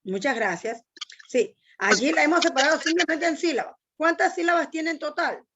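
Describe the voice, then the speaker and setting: A woman's voice: high voice, moderate pace, fairly bright tone, muffled recording. A woman teacher giving an online language lesson, patiently explaining step by step and asking students to read aloud.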